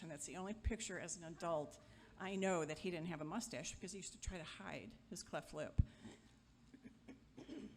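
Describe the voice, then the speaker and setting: At a memorial gathering hall, a middle-aged woman delivers an informal eulogy in a lowish voice, chatty and wry, joking with the crowd and sometimes halting. There's slight background noise.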